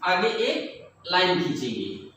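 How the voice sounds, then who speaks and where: A man with a high voice teaching children. He talks slowly and deliberately and repeats every sound. He is recorded from a distance in a very echoey room, with a faint hiss behind him. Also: big pitch swings, bright, forceful tone. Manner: slow, deliberate, repeats each sound to pupils. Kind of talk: classroom lesson for children. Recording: echoey room, mic far off, faint noise.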